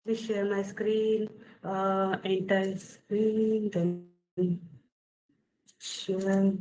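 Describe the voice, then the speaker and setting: A woman's voice: mid-range voice, little pitch movement, drawn-out words, darkish tone, poor audio. A woman, giving an interactive online lecture on a video call and often checking that her students can follow and hear her. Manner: inviting, checks the audience is following. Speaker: guest speaker, software trainer.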